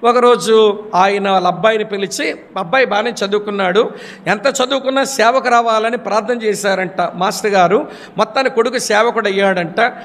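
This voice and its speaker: A man preaching a sermon, telling stories and acting out the voices of the people in them. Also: a little fast. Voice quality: high-pitched, animated storytelling with acted quotes. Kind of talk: sermon with storytelling. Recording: long hall reverb.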